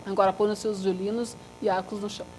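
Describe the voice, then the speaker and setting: A woman teacher leading a live Suzuki violin workshop, lively and demonstrative, chanting body parts in rhythm with the group. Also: fast talker, slight background noise. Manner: lively and demonstrative, drops to a soft low voice to make a point. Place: workshop room with a group of students.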